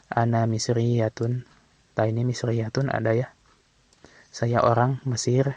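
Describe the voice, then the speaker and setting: A man teaching from an Arabic textbook in a casual way, reading phrases slowly and then explaining them quickly. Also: medium pitch, a little mellow, no echo. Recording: dull, slightly lo-fi sound.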